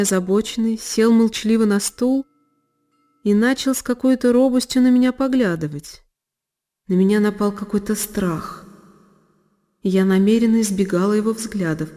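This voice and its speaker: A woman reading a classic novel aloud as audiobook narration, in a measured, emotive way. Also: mid-range voice, mellow. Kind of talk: scripted literary narration. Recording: long reverb, faint violin music behind.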